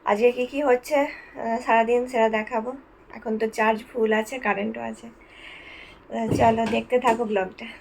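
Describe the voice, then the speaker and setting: A woman's voice: fairly high pitch, steady tone, normal speed, creaky, slight background noise, poor audio. A woman chatting to her viewers as friends in a casual home vlog, filmed at home. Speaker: vlogger.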